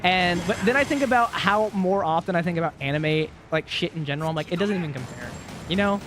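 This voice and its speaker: With game music and sound effects playing, a high-pitched man in his twenties talks fast with lively intonation. Co-hosting while playing a video game, he rambles in casual chat, swearing, laughing often and restarting frequently.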